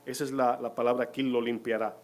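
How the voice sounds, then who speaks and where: A man's voice: mid-range voice, little pitch movement, fast. A man preaching a sermon in church, putting questions to the congregation as he goes. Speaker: pastor.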